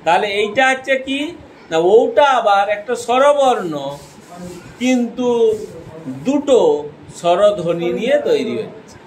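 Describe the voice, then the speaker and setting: A man's voice: high-pitched, lively intonation, a little slow, long pauses, rough recording. A man teaching a grammar lesson, explaining step by step and often asking checking questions.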